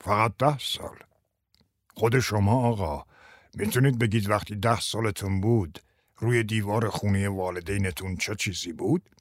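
A man doing a husky, weary old survivor. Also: lowish voice, no room sound, voice pushed down, close to an everyday voice. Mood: bitter. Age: older. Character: elderly grieving male survivor, bitter and weary. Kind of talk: audiobook character voice.

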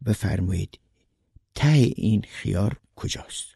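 A man voicing a sleepless, puzzled older male teacher, speaking quietly and earnestly. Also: on the low side, creaky, slightly rough, no echo, studio quality, full character voice. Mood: hushed earnest.

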